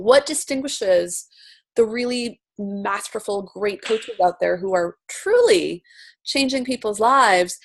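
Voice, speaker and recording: A woman with a gravelly, creaky edge to her mid-pitched voice hosts a casual online session. She is upbeat and chatty and welcomes each guest by name. The sound comes through a video call. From Romania. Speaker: host of an online coaching session.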